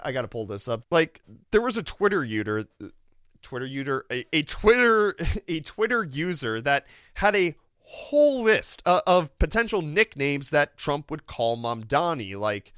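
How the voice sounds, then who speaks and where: A man's voice: a little high, a bit bright, clear, resonant tone, no room sound, studio quality. A man hosting casual political commentary, rambling with lots of fillers and swearing, his voice sore. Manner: rambling, many "like" fillers, swearing, laughs often. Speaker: radio and podcast host.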